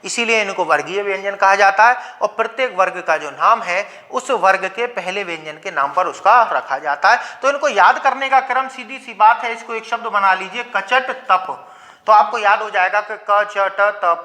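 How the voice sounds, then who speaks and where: Young male grammar teacher, high and bright, explains step by step with his own question-and-answer patter. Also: expressive. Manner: asks questions and answers them himself, sounds out letters slowly. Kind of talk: classroom lecture.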